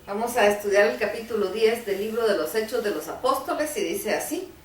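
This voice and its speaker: A woman hosting a devotional program, reading scripture aloud in a measured way and stumbling now and then. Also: fairly high pitch, lively intonation, distant mic, slight background noise. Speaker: Bible reader and host. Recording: roomy, voice a bit off-mic.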